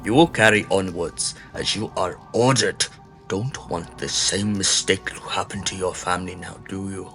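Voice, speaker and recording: Deep, menacing General Krogstad, played by a man. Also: gravelly, fairly bright tone, faint music behind. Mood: threatening. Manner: cold, deliberate, threatening. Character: merciless, menacing male Nazi general. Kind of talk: fan audio drama acting.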